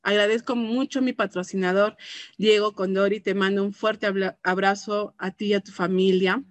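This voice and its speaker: A woman's voice: mid-range voice, fairly even intonation, moderate pace, no echo. A woman giving a heartfelt personal testimony, often ending phrases with a questioning tag. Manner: earnest and heartfelt, tags phrases with "¿no?". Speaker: business entrepreneur giving a testimony.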